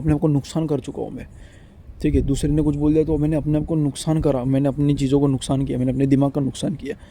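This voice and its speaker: Earnest young man, dark mellow voice. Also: a little high, slight background noise. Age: 20s. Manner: earnest, repetitive, mixes Hindi with English. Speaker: vlogger. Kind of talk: casual motivational monologue.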